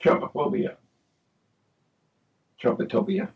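A man's voice: slow, highs cut off. A man chatting over a video call from a home office, with dry, teasing banter; his voice comes through echoey and distant. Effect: echoey, distant call audio. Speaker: podcast co-host.

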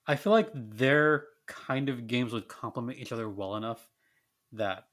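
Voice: medium pitch, normal speed, fairly bright tone. A podcast guest analyzing hockey in a casual chat.

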